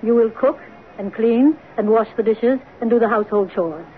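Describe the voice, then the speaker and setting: A cold, domineering stepmother, played by a woman in a vintage radio play, giving clipped, crisp orders. Her voice is fairly high. The sound is thin and phone-like, with faint hiss. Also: normal speed, lightly acted. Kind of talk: 1940s radio acting. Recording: tinny old radio broadcast with hiss.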